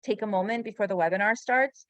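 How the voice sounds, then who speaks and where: A woman's voice: mid-range voice, fast talker, dry recording, highs cut off. A woman hosting a video-call webinar, gushing and getting emotional as she praises a former student. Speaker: webinar host.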